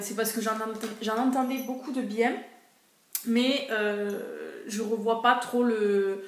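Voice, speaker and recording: A woman's voice: fairly high pitch, reverberant. A woman vlogger casually reviewing her monthly beauty favorites, chatty and hesitant, with frequent fillers.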